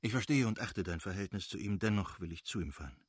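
A man reading the part of a downcast younger brother who speaks quietly and hesitantly. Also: low voice, animated, quick pace, breathy edge, no echo, studio quality. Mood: earnest.

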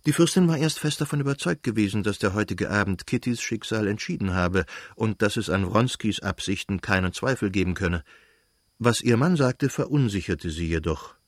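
A man calmly reading a novel aloud as an audiobook narrator in a measured way. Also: lowish voice, no room sound, clean studio sound. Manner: calm, measured storytelling.

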